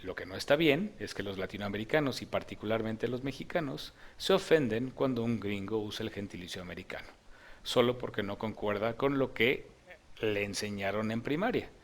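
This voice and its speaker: A man's voice: fairly low pitch, animated, a little fast. A man narrating a scripted opinion video in a lecturing, argumentative manner.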